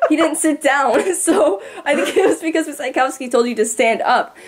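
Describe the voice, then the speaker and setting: A woman's voice: sits high, normal speed, heavy background noise. A teenage girl guesting on a casual podcast, telling stories chattily and laughing along the way. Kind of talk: casual storytelling.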